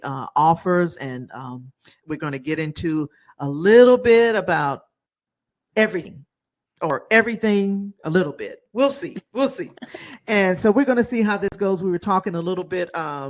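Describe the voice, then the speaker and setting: A woman hosting a podcast interview, chatty and rambling, upbeat and laughing easily. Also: low voice. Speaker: podcast host. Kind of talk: casual interview chat.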